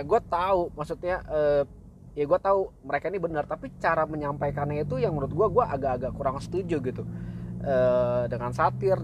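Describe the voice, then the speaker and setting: A man's voice: a little high, slight background noise, low-quality recording. A young man giving a casual, slangy faith talk, laid back and full of fillers and chuckles.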